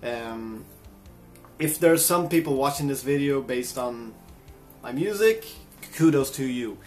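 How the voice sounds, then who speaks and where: A man's voice: medium pitch, lively intonation, unhurried, soft background music. A man from Sweden, telling a personal story in a casual, reflective vlog. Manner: reflective, chatty. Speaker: vlogger and guitarist.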